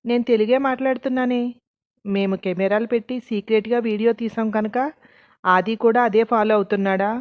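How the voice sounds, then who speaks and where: A woman's voice: a little high, fairly even intonation, a little fast, no room sound, narrow, tinny audio, natural voice. A woman voicing a wary, defensive young college student in a storybook reading, with a suspicious, questioning manner.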